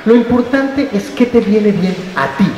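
Older man, Mexican accent, playful storyteller's talk, fairly high voice, roomy distant hall sound. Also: animated, unhurried, darkish tone. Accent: Mexican Spanish. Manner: playful, jokes with the audience, acts out voices. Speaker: storyteller giving a talk to trainee teachers. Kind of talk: lively talk with audience. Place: school auditorium. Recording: roomy hall, distant mic, faint noise.

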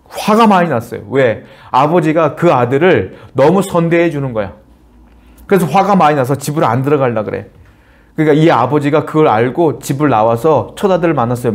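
Male pastor, higher-pitched voice; preaches a sermon, full of rhetorical questions. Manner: asks the congregation rhetorical questions, acts out quoted voices. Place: church.

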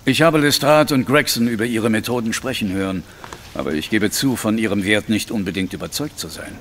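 A man's voice: on the low side, brisk, fairly bright tone, long reverb tail, slight background noise. An actor playing a sceptical police inspector in an audio drama, blunt and formal in his way of talking. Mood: sceptical, grudging.

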